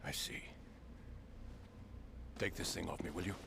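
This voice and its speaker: Very deep american agent guy, hushed n guarded, game scene, noisy. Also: fairly even intonation, takes it slowly, exaggerated voice. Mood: guarded, brisk. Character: secretive male agent, brisk and guarded. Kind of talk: video game voice acting, hushed. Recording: game audio with clear background noise.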